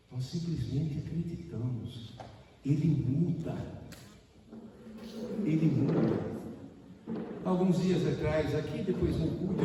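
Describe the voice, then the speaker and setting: A Brazilian pastor with a high voice preaches a lively sermon, acting out the people he describes. He is heard from a distance in a church hall, with a long, ringing echo around him. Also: a little hiss or hum. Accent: Brazilian Portuguese. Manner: animated, acts out voices and exclamations. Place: church hall during a service. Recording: echoey hall, mic far off.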